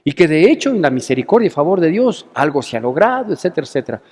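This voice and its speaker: A male pastor preaches with animated energy, his high voice swooping widely as he throws out rhetorical questions. The sermon echoes through a long church reverb. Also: fast talker. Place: church hall.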